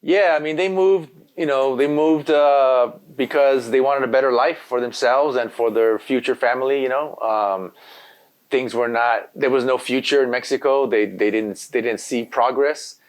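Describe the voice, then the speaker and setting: Clear and resonant, his mid-range voice moves at a moderate pace with fairly even intonation. The speaker, an LA graffiti artist whose first language is Spanish, talks casually in an interview, laid-back, wandering, and full of "you know."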